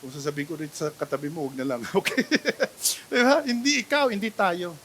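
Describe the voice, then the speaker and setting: Male Filipino pastor, high bright voice, sermon, loud exclamations and soft asides, frequent "di ba?". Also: sing-song, a little fast, a little hiss or hum. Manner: switches between Tagalog and English, asks the crowd "di ba?" often.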